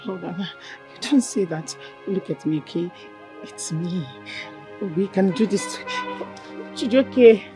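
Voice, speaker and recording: A desperate young woman pleading for her lover, her voice rising into cries. She speaks slowly, almost dragging each word. A movie score plays clearly behind her. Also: mid-range voice, lively intonation, mellow. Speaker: jilted lover. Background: film score music.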